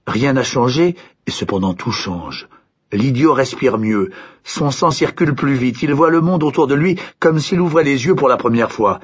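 Guy telling a fairy tale, really lively pitch, husky voice, dull lo-fi sound. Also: normal speed. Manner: expressive, varied storytelling. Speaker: storyteller. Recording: dull lo-fi recording.

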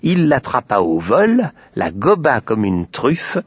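A man reading a children's tale aloud, lively with playful asides. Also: medium pitch, takes it slowly, heavy background noise. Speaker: storyteller. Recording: dry, slightly dull lo-fi recording.

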